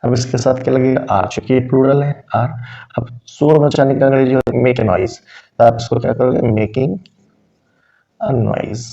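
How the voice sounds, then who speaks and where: Patient, mellow-voiced male English teacher. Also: medium pitch, fairly even intonation, moderate pace, creaky. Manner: patient, explains step by step with examples; asks questions and answers them himself. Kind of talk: spoken English lesson explained in Hindi. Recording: dull, lo-fi recording.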